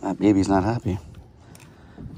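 A man filming himself from a kayak on a lake with a head-mounted action camera, chatting casually while he fishes and getting excited when a fish bites. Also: deep voice, normal speed, slight background noise. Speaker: fishing vlogger.

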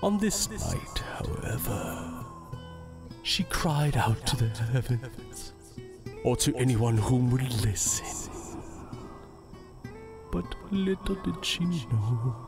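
A shadowy wish-granting spirit, murmuring in a hushed, secretive whisper at a very slow, deliberate pace. His even, mid-pitched voice sits over a clear bed of music in an audio drama. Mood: storytelling.

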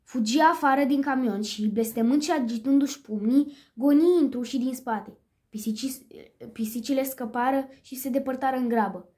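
A woman reading a children's story aloud in a lively way, with a few small slips. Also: high-pitched.

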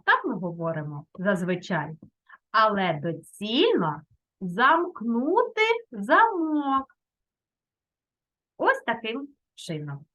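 A middle-aged woman teaching children in a video lesson, speaking gently and encouragingly. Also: on the high side. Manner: gentle and encouraging, uses diminutives. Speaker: primary school teacher.

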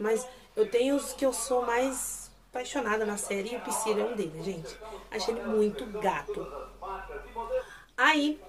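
A woman's voice: a little high, darkish tone. A young Brazilian woman with a Brazilian Portuguese accent, animatedly recapping and gushing over a series episode in casual chat. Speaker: series reviewer.

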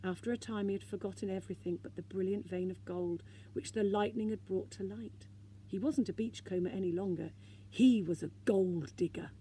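A woman reading a children's story aloud in a gentle, expressive way. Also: medium pitch, a little fast, a little hiss or hum.

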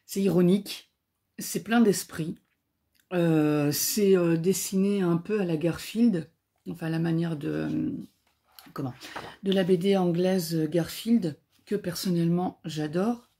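A woman giving a casual spoken review of a comic book, often pausing and searching for her words. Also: on the low side, mellow.

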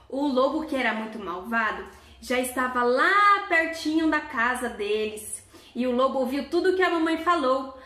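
Bright, high-voiced woman storyteller. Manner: lively, sing-song, drawn-out. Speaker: preschool teacher. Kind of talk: storytelling to young children. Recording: echoey room.

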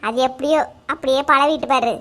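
A woman's voice: sits high, steady tone, fairly quick, fairly bright tone. A woman voicing a homely singing village housewife. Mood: calm, homely. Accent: Kanyakumari Tamil. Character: homely middle-aged village housewife who sings. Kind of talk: animated comedy dialogue.

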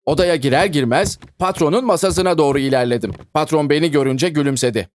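A man narrating a first-person story in an expressive, animated way. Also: a little high, fast talker, no room sound, clean studio sound.

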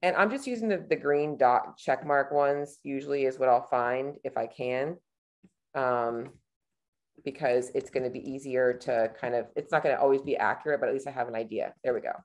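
She has a bass voice with a touch of mellowness and talks at normal speed. In her thirties and working as a nutrition coach, she clicks through a webcam screen-share tutorial, speaking casually and reasoning aloud.

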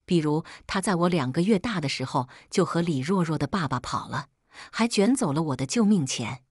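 A woman's voice: low voice, darkish tone, slightly rough, dry recording, studio quality. A woman narrating a first-person drama story and reading every character's lines in her own voice.

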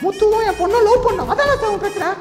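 A woman playing a feisty, high-voiced fake mother. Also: fast talker, reverberant, music in the background. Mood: argumentative. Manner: argumentative, talks back. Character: hired fake mother, feisty and quick to argue. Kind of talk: Tamil comedy sketch acting.

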